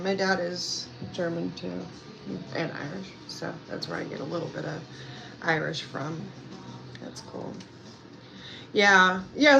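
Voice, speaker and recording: With a creaky, medium-pitched voice and some background noise, this Pennsylvania self-care coach and vlogger hosts a casual live chat at home. Music plays behind her as she answers viewers, rambling and hesitant, leaning on fillers.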